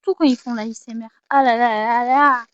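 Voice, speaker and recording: A woman's voice: on the high side, steady tone, fairly quick, clear, resonant tone, dry recording, highs cut off. A teenage girl chatting casually as she shows off her gifts, self-mocking and easily distracted. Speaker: vlogger. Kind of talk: casual haul vlog.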